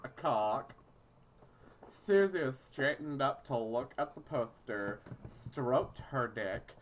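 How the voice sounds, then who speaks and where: A woman with an extremely low voice and lively intonation reads a visual novel aloud slowly as she plays, with a little hiss or hum in the audio. Hosting the playthrough, she's theatrical and giggly, improvising crude jokes.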